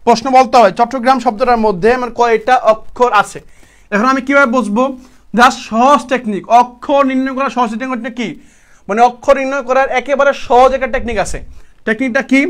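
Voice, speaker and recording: High-voiced man drilling students in class. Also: fairly even intonation, fairly bright tone. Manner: repetitive, drilling students with quick questions and answers; colloquial, addresses students as brother. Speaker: teacher. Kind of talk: live online exam-prep class.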